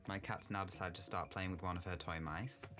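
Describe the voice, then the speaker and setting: A man's voice: low-pitched, fairly even intonation, brisk, over music. A man player chatting casually with dry, wry remarks. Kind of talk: casual chat.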